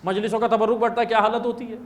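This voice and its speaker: Impassioned high-voiced male preacher. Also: level tone, a little hiss or hum. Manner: impassioned storytelling, acts out dialogue. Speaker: religious scholar. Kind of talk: sermon. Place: prayer hall.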